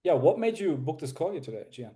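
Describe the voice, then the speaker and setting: A man's voice: a little high, sing-song, fast, mellow. A man practicing a sales-call role-play on a video call, hesitant and full of fillers. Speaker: sales trainee.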